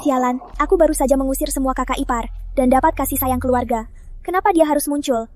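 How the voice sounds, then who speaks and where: A woman's voice: high-pitched, fast talker, darkish tone, no room sound, lightly acted. An actress dubbing a spoiled, scheming young woman who grumbles bitterly to herself. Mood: resentful. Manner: petulant, bitter inner grumbling. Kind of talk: dubbed short-drama acting.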